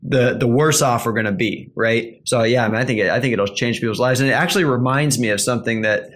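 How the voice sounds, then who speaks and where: A man hosts a casual interview, his voice sitting at an ordinary pitch. He talks loosely and conversationally, full of small fillers, and keeps checking in with "right?" as he builds his point. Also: fast, a bit bright. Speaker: podcast host.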